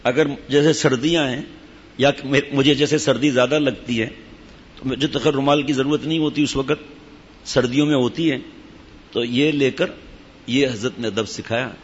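A man's voice: mid-range voice, fairly even intonation, a little hiss or hum. A man, a sheikh speaking to his disciples, gives an informal religious talk in a conversational way, breaking off now and then for asides to his listeners. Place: gathering in a Sufi lodge. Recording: dull, echoey hall recording.

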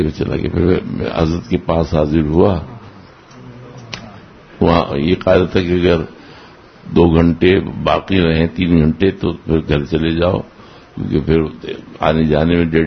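A man with a deep, gravelly voice tells a personal story to a gathering in a slow, halting way. He restarts phrases and chuckles now and then. The recording is dull and lo-fi, with a faint hiss. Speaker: storyteller recounting memories of his spiritual master.

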